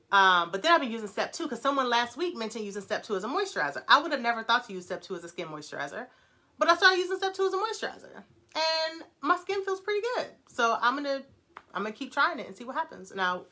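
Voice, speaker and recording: A middle-aged woman hosts a casual live stream, her voice bright and clear. She talks quickly and with excitement, reading viewers' questions aloud and answering each one warmly. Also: mid-range voice. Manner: fast-talking, excited, reads viewer comments aloud. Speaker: brand owner hosting a live stream.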